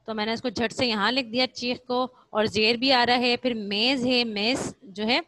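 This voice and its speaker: A woman's voice: fairly high pitch, fairly even intonation, fairly bright tone, no echo. A woman teacher giving a recorded school lesson to young children, patiently repeating points and answering her own questions, slipping in English words. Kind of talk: recorded online class lesson.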